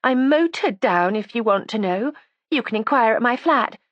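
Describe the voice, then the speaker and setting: A woman's voice: fairly high pitch, animated, normal speed, dry recording, lo-fi sound, pitched above the performer's own voice, lightly acted. A woman playing a defiant, sarcastic young woman. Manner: sarcastic, combative. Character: defiant resentful young woman making a false confession. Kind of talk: audiobook character voice.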